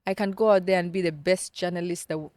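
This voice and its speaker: Woman in her 30s from kenya, lowish voice, earnest and reflective, bit halting, dry sound. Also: steady tone, a little mellow, no room sound. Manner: earnest, reflective, repeats words as she searches for them. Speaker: podcast guest. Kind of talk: candid conversational storytelling.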